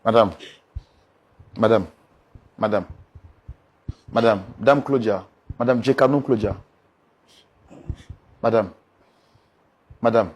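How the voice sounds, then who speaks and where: A man hosting and mediating a couple's dispute, coaxing and calming them with polite, repeated requests. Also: lowish voice, slow, long pauses, breathy edge, lo-fi sound. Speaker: host and mediator. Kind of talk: talk show mediation.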